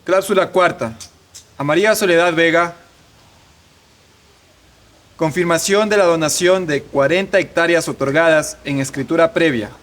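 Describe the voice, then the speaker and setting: A man's voice: on the high side, moderate pace, pauses often, fairly bright tone, close to an everyday voice. A man playing a formal notary reading a will. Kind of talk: telenovela-style film acting.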